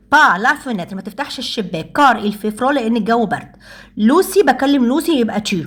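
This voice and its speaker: A woman with an Egyptian Arabic accent, teaching French grammar and working through exercises, saying the French examples slowly and explaining briskly. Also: a little high. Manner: slow, careful French phrases between brisk Arabic explanation.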